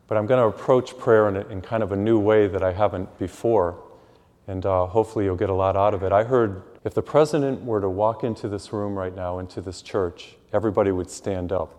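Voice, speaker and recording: Male priest, lowish voice, conversational sermon style, recorded in church with a long cathedral-like echo. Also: a little mellow. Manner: conversational preaching with homely asides. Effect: long church reverb. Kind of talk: sermon with gospel reading. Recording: echoey church hall reverb.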